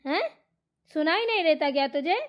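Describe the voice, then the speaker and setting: A woman voicing a bossy, scolding older mother-in-law in a cartoon comedy, shrill and insulting. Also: expressive, normal speed.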